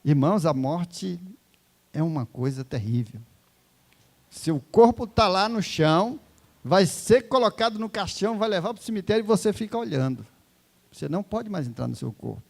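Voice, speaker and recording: A man preaching an emotional testimony sermon in church, swinging from hushed words to fervent loud exclaiming. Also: sits high, expressive, normal speed, vocal fry.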